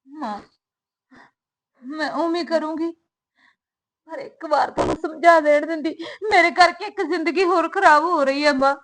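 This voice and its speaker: A distressed young woman, played by an actress, crying and pleading. Her voice is high. This is a rural drama scene. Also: lively intonation, fairly quick, a bit bright, slight background noise, low-quality recording. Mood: tearful. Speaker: young widowed daughter.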